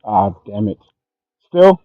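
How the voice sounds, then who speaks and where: A man's voice: on the low side, very animated, slow, dry recording, soft background music. A man calling in over wireless headphones, his voice muffled as if heard through a wall. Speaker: call-in guest. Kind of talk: casual debate on a live stream. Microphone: wireless headphones over a call. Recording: dull, muffled lo-fi call audio.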